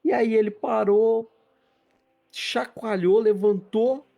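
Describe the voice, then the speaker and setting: A man's voice: high-pitched, steady tone, slow pace, creaky, highs cut off. A man, a podcast guest, earnestly telling a spiritual testimony and acting out the dialogue. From Brazil. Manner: earnest, vivid, acts out dialogue. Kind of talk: personal testimony storytelling.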